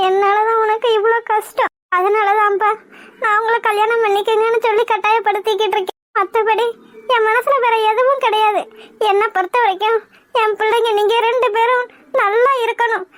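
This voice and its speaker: A woman voicing an emotional, worried mother of a grown daughter in a cartoon, pleading in a high voice. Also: no echo, studio quality. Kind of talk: cartoon voice acting.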